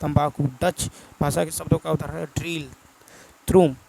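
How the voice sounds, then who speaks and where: A man's voice: on the high side, level tone, normal speed, vocal fry, mellow, a little hiss or hum, poor audio. A male teacher, with a Bihar Hindi accent, goes through exam prep answers, reading each question and then repeating the answer.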